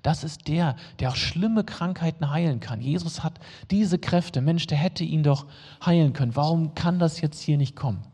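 A male preacher reads scripture and explains it, slipping into relaxed, everyday asides between the verses. His voice is dark and husky. It rings out with the long reverb of a large hall. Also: fairly high pitch, moderate pace. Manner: reads the text, then adds casual plain-spoken asides to the congregation. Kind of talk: sermon, reading scripture aloud and explaining it.

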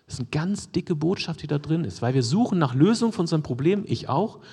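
A man's voice: on the high side, expressive, fairly quick, dark tone, husky. A man preaching a sermon in a conversational way, often checking in with his listeners and sometimes dropping to a near whisper for emphasis. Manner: conversational, asks the audience questions, frequent "ne?" and "ja?". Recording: long hall reverb.

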